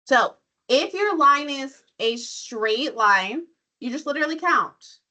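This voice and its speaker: Bright-voiced woman teacher, losing her voice. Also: high voice, animated, takes it slowly. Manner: walks through steps, quizzing the class. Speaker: math teacher. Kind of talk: classroom lesson. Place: classroom.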